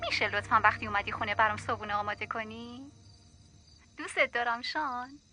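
An actress voicing an affectionate young wife leaving chatty, scattered reminders, in dubbed game dialogue. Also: female voice, on the high side, fairly even intonation, sharp tone, faint music behind.

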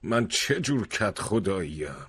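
An actor dubbing a concerned older village chief who speaks earnestly and gently reproaches. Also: male voice, lowish voice, very animated, breathy edge. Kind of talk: dubbed drama acting.

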